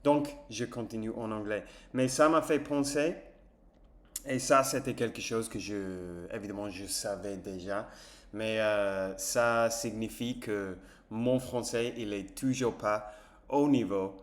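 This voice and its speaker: Slow, hesitant man with an English accent. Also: fairly low pitch, steady tone. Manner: hesitant, many fillers and self-corrections while searching for words. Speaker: language-learning vlogger. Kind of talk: casual spoken French practice to camera.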